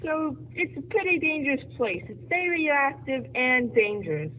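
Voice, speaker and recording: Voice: high voice, lively intonation, normal speed. Someone putting on a goofy, muffled, swooping sock puppet. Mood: eager. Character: chatty sock puppet showing a newcomer around town. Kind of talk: amateur puppet show dialogue. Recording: tinny phone-like sound, faint noise.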